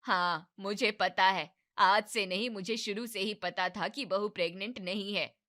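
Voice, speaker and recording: A woman's voice: mid-range voice, steady tone, measured pace, sharp tone. A woman voicing a bossy but caring older mother-in-law in a cartoon family drama, scolding and commanding. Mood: firm.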